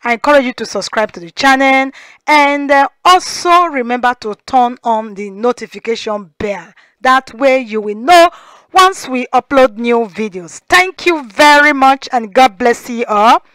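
A woman with a Nigerian accent hosting a talk show, giving lively commentary with rhetorical questions. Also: high-pitched, measured pace, no room sound. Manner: animated, rhetorical, mixes Pidgin and Yoruba. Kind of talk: casual commentary monologue.

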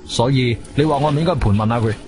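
As narrator and lead actor of a Cantonese radio drama, a man with a Guangzhou Cantonese accent voices a confident, curious investigator telling his story in the first person. His medium-pitched delivery is rapid-fire, lightly acted and insistent, theatrical in style, with music behind him.

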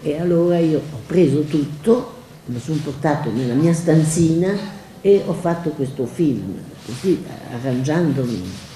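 A woman's voice: low-pitched, a little slow. Older woman telling stories in an echoey hall. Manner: lively anecdotal, quoting others in dialogue. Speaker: guest speaker. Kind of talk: storytelling at a public event. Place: library event hall. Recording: echoey hall, faint noise.

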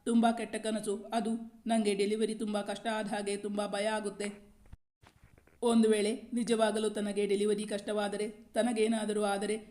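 A woman's voice: medium pitch, flat delivery, unhurried, warm tone, natural voice. A woman voicing a loving, anxious young pregnant wife who speaks earnestly. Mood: fearful.

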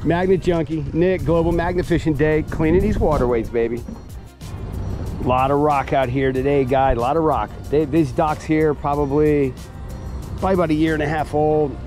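Upbeat guy filming himself on the docks, loud and hyped, music bed underneath. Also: on the high side, fairly even intonation, normal speed. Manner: hyped, shouts catchphrases like "baby". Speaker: magnet fishing vlogger. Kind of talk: excited outdoor vlog narration. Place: outdoor waterfront docks and park.

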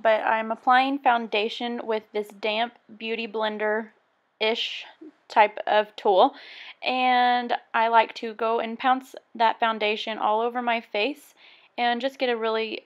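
A woman's voice: fairly high pitch, fairly even intonation, measured pace, muffled recording. A young woman casually narrating her makeup tutorial in a chatty, self-deprecating way. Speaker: beauty vlogger.

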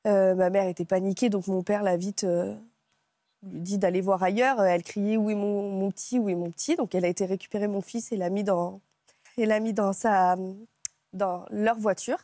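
Halting woman, warm dry voice. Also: medium pitch, fairly even intonation, no room sound. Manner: halting, emotional retelling with many restarts. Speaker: talk show guest. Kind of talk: personal testimony on a TV talk show. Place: TV studio set.

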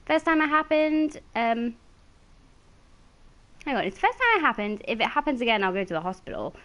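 A woman chats casually while she streams a video game. She greets viewers by name and laughs easily. Her voice sits a little high and moves around a lot in pitch. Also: big pitch swings, a little fast, bright, forceful tone.

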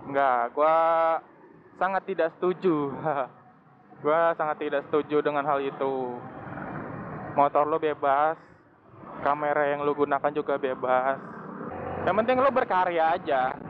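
A man's voice: fairly high pitch, a little slow, pauses often. A young man chatting casually while riding a motorcycle through city traffic, slangy and laughing often, through a wired mic inside his helmet. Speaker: motovlogger. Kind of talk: casual motovlog chat. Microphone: wired earphone mic from phone into helmet. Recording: tinny phone-like mic with loud traffic noise. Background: traffic and engine noise.

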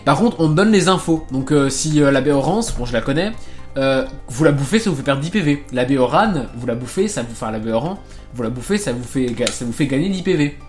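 A man's voice: mid-range voice, lively intonation, fairly quick, soft background music. Man rambling over a game. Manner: rambling, swears, many fillers and restarts. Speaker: gaming channel host. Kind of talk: casual let's play commentary.

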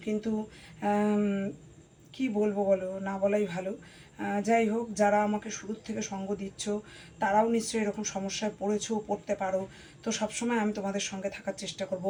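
A hoarse woman chatting casually to her viewers at home while cutting vegetables. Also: mid-range voice, warm tone, a little hiss or hum. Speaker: vlogger. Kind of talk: casual vlog chat to viewers.

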